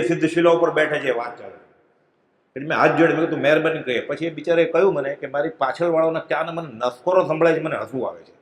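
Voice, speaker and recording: A middle-aged man gives a conversational religious discourse, explaining with everyday anecdotes. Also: a little high. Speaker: spiritual discourse reader. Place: prayer hall. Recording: echoey hall.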